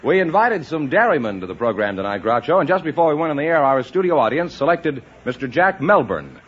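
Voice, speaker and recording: A man's voice: fairly high pitch, very animated, fairly quick, breathy edge. A man announcing on a quiz show, reading scores and introductions in a polished, upbeat manner. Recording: lo-fi vintage broadcast recording with audience.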